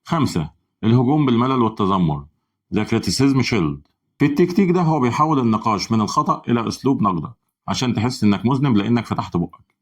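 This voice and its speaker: A man with an Egyptian Arabic accent presenting a psychology channel in scripted explainer narration, with brisk, even, instructive delivery. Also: medium pitch.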